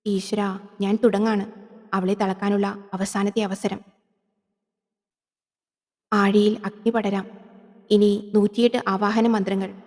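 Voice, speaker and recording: A woman's voice: mid-range voice, little pitch movement, takes it slowly, long pauses, darkish tone, in a large hall. A woman voicing a stern older male priest performing a ritual in a horror audio drama, speaking in a grave, commanding way.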